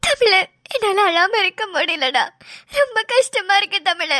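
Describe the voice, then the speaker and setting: A woman's voice: very high voice, very animated, a little slow, sharp tone, no echo, studio quality, exaggerated voice. A woman voicing a grieving young sister who sobs and refuses to leave in a cartoon. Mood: sobbing. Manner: sobbing, stubborn.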